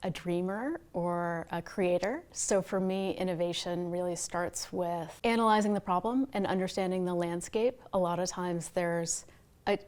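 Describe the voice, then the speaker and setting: Thoughtful, measured middle-aged woman. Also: on the low side, darkish tone. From Block Island, Rhode Island. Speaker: town finance director. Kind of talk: award testimonial.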